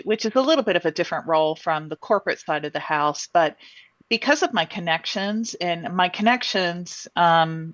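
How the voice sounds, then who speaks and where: A woman guest answering interview questions about her career, pausing often with ums and restarting sentences. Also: fairly low pitch, a bit bright, dry recording, highs cut off. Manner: thoughtful, many ums and restarts. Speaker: guest, insurance executive.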